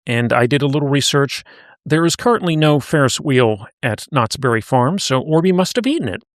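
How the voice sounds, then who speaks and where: A man co-hosting a casual podcast, walking a listener through old cartoons in an easygoing storytelling way. His voice sits at an ordinary middle pitch. The recording is dry, with little room sound. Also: animated, normal speed, no echo. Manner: recapping in a conversational storytelling way. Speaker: podcast co-host.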